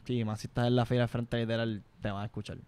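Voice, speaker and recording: A young man with a Puerto Rican accent chatting on a podcast. He talks fast in a clean, smooth voice. He jokes freely and mixes English words into his Spanish. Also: mid-range voice, flat delivery, darkish tone. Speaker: podcast co-host. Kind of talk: casual chat.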